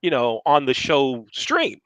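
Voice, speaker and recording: A man's voice: medium pitch, huge pitch swings, takes it slowly, fairly bright tone, no echo. A man co-hosting a podcast in a casual, upbeat, chatty way, often repeating his words. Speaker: podcast co-host. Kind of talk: casual chat.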